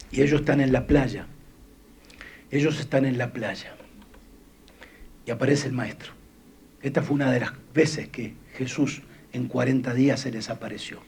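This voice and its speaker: A man's voice: mid-range voice, darkish tone, slight background noise. A man from Argentina with a Rioplatense Spanish accent preaching a sermon to his church, building in intensity as he quotes scripture. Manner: preaches with rising intensity, quoting scripture in a lifted voice. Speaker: pastor. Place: church hall.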